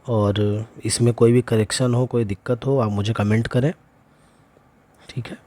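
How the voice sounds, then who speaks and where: A man's voice: mid-range voice, steady tone, measured pace, mellow. A man teaching homeopathy, going through a chart and listing remedy names one after another with frequent check-ins. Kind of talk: lecture walking through a chart.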